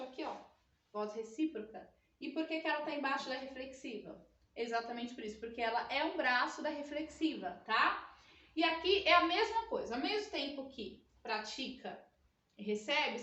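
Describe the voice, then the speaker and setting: A woman's voice: high voice, fairly bright tone, roomy sound, distant mic, muffled recording. A woman teaching a grammar lesson, explaining step by step and checking in with her listeners. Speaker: Portuguese teacher.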